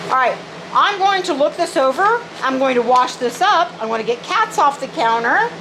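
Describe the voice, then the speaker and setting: A high-pitched woman chats excitedly to her viewers while unboxing in her home kitchen, calling them "guys" and gushing over every piece. A clear, steady background hum runs under her home-video recording. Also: normal speed. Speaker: unboxing vlogger. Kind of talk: casual unboxing chat to viewers.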